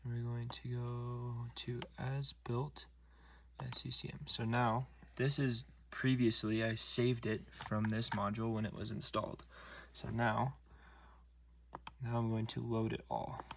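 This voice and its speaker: A man calmly walking through a steering wheel module install from inside his truck, filmed on a phone while he works, with a few near-whispered asides. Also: mid-range voice, vocal fry, a little hiss or hum. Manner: slow, methodical, talking while working, some near-whispered asides. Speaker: DIY car tutorial maker. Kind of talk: step-by-step how-to narration.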